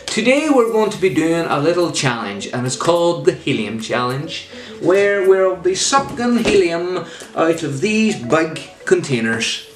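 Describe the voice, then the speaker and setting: A man's voice: a little high, very animated, unhurried. A man in his twenties talking casually to camera as a vlog host. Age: 20s. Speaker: vlogger, host. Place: bedroom, indoors. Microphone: camera in front of him. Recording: roomy bedroom sound. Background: music.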